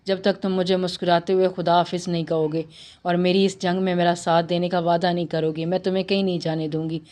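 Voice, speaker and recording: A woman voicing a determined young woman who coaxes and scolds her brother, in a low, even voice. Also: close to an everyday voice. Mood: fierce. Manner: coaxing, then stern.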